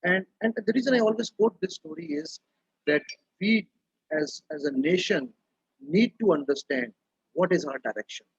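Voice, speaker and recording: A man's voice: high voice, expressive, moderate pace, gravelly, husky, dry recording, highs cut off. A middle-aged man from Pakistan, speaking as a webinar panelist in an earnest, emphatic way, full of rhetorical questions. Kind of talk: panel talk.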